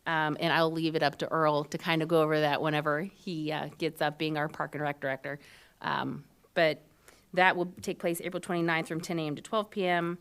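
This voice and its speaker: A woman speaks in a notably low register as she gives the city manager's report to council. Her delivery is matter-of-fact and businesslike. She fills her pauses with ums. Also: little pitch movement, a bit bright, clean tone. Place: council chambers.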